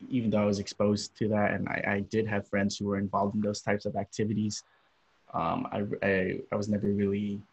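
A young man from Los Angeles, a podcast guest, talking about his upbringing in a relaxed, rambling way with many fillers. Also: on the low side, a little fast, vocal fry, slightly rough. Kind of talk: casual interview. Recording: dull lo-fi audio.

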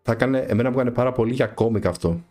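A man, co-hosting a casual podcast chat in a relaxed, slangy manner. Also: medium pitch, soft background music. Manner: relaxed, slangy, short interjections. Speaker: podcast co-host.

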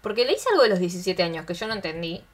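A woman's voice: on the low side, rapid-fire. A young woman with an Argentine accent, chatting casually about a film and acting out the characters' lines as she retells the scenes. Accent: Rioplatense Spanish. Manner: animated retelling, acts out quotes, fillers like tipo. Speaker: film discussion co-host. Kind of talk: casual chat recapping a film.

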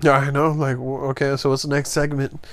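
A man's voice: medium pitch, little pitch movement, a little fast, fairly bright tone. A man co-hosting a podcast in a casual chat, laughing often and swearing. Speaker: podcast co-host.

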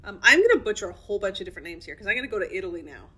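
A woman's voice: mid-range voice, expressive, rapid-fire, a bit bright, slightly rough. A woman co-hosting a casual podcast, chatting about the history of fairy tales with blunt opinions. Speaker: podcast co-host.

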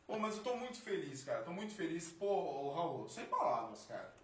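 A man's voice: on the high side, very animated, normal speed, roomy sound, very noisy. A man co-hosting a podcast in a chatty, enthusiastic way. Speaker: podcast co-host. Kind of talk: casual podcast chat.

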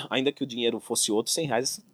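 A man, a fitness expert telling his story as an interview guest, animated and acting out quoted dialogue. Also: medium pitch, normal speed, slightly rough, no echo, clean studio sound.

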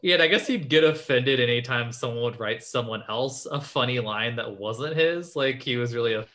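A man's voice: medium pitch, moderate pace, fairly bright tone. Rambling young man telling a story. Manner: rambling storyteller, heavy use of "like". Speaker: podcast host. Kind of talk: casual chat.

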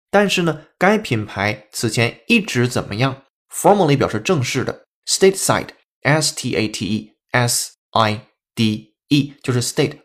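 A man hosting a podcast English lesson, explaining step by step and spelling words out letter by letter. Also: medium pitch. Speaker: English teacher.

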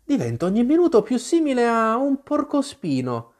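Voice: medium pitch, wildly swooping pitch, moderate pace, pitched above the performer's own voice. A reader voicing a polite, curious little girl in a storybook reading. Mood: earnest. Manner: polite and earnest.

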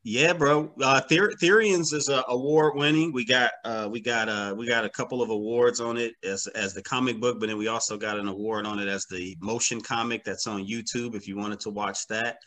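This man, a comic book creator appearing as an interview guest, speaks at medium pitch with fairly even intonation and a fairly bright tone. His talk is casual and slangy, halting as he feels his way through sentences, repeating words and often dropping "man" and "you know".

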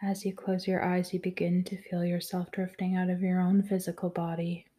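A woman leading a guided meditation in a soft, soothing voice that often drops to a whisper. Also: lowish voice, little pitch movement, normal speed.

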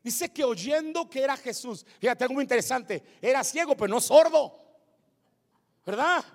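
High-pitched, gravelly preaching man. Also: animated, moderate pace, long reverb tail. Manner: preaching with shouted climaxes and hushed asides. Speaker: pastor. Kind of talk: sermon. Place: church sanctuary with congregation.

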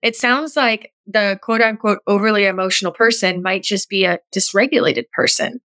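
A woman's voice: mid-range voice, normal speed, sharp tone, no echo, clean studio sound. A woman podcast host asking open interview questions and rephrasing her guest's points.

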